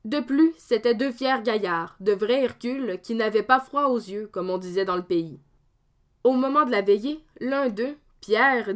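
A woman narrates a folk tale aloud, with a measured, expressive delivery. Her voice sits fairly high. The reading is steady and clear. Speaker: storyteller.

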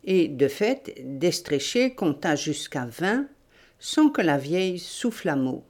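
A woman narrating a novel as an audiobook, in a measured, deliberate reading. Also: sits low, very animated, darkish tone. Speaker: audiobook reader.

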